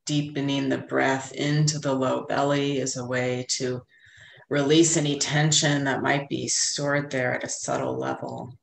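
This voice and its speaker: Woman, calm grounding exercise, soothing and unhurried, even low-key pitch, gravelly fry, video call. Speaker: meditation guide. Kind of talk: calm guided grounding meditation. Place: indoor room with plain wall, on a video call. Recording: roomy, echoey video call audio.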